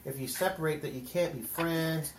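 A woman guest on a chat podcast, talking haltingly and repeating herself with lots of "I mean.". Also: deep voice. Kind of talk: casual discussion. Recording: echoey room, faint noise.

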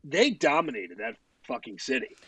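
A man co-hosting a sports podcast, telling stories in a rambling, profane, animated way. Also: medium pitch, normal speed, breathy edge, dry recording. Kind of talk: casual chat.

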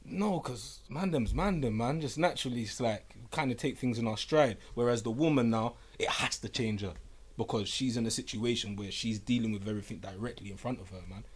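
A man's voice: lowish voice, quick pace, slightly rough. A man with a London roadman accent, chatting casually and using street slang. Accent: London, urban street slang style. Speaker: father of two. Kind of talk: casual group chat.

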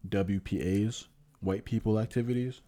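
Low-voiced young man joking around. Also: fairly even intonation, normal speed, warm tone. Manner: joking, teasing banter. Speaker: podcast co-host. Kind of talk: casual chat.

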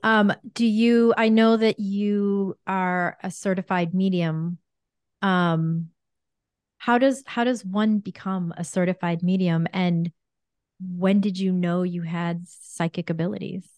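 A woman's voice: fairly low pitch, fairly even intonation, takes it slowly, darkish tone, no room sound, studio quality. A woman hosting a conversational interview, putting questions to a guest. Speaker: interviewer, podcast host.

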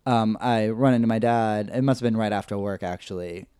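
Fairly quick and slightly high, this nasal male voice rambles through a story on a laid-back podcast, hesitating, restarting and saying "like" a lot. The background is noisy.

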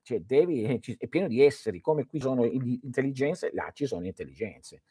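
A middle-aged man hosting a livestream, reading out viewer questions and answering them in an animated, chatty way that often restarts mid-sentence. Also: mid-range voice, fairly quick, breathy edge, no echo, studio quality. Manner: animated, repeats and restarts, talks to viewers directly. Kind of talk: casual esoteric livestream talk.

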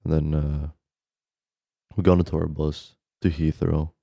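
A man's voice: rumbling low, little pitch movement, measured pace, vocal fry, dark tone, no room sound. A young man co-hosting a podcast, casually recounting things in sweary, bro-ish frat-boy slang. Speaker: podcast co-host. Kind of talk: casual chat, storytelling.

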